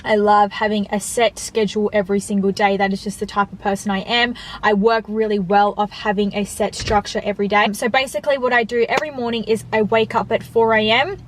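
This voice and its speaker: A woman's voice: medium pitch, little pitch movement, a little fast, hardly any pauses, a little hiss or hum, rough recording. A woman talking casually and emphatically to viewers in a vlog style while she eats. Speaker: online fitness coach and vlogger. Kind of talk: casual chat to viewers, mukbang Q&A.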